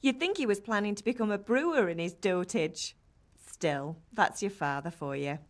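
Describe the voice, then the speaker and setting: In dramatic game dialogue set in medieval times, an actress voices a village mother of middle age who nags and teases lovingly. Her voice is mid-range and natural, at a moderate pace, and her manner is lively, teasing and chiding.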